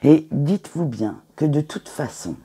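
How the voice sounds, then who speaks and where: Woman, card reader: warm, mellow tone, gently reassuring delivery to viewers. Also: low-pitched, animated, measured pace, breathy edge. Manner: gentle, encouraging, with hesitant fillers. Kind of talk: weekly oracle card reading to viewers.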